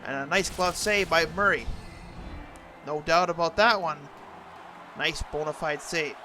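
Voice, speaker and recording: A man doing an announcer-style play-by-play commentary of a hockey video game, excitable on big plays. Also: a little high, unhurried, a little hiss or hum.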